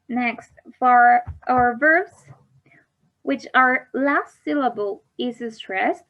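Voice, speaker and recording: Slow, careful bilingual woman teacher. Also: on the high side. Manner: explains in English then repeats in Spanish. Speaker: English teacher. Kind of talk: bilingual online grammar lesson. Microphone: online class computer mic. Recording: dull lo-fi online class audio.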